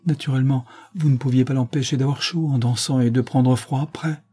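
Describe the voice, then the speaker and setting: A man reading aloud voices a chatty middle-aged society lady, lifting his pitch as she gossips. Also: fairly even intonation, brisk, mellow, breathy edge, lightly acted. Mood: gossiping.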